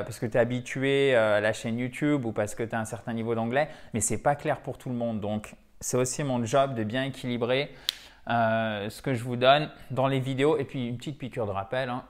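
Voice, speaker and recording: A middle-aged man with a voice at an ordinary male pitch teaches English vocabulary in a lively monologue. He talks chattily and pokes fun at himself. He often repeats and rephrases his points.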